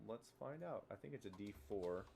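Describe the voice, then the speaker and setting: Low guy dm'ing a tabletop game, lots of uhs and restarts, faint background hum. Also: animated, gravelly, warm tone. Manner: halting, many fillers and restarts. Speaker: dungeon master.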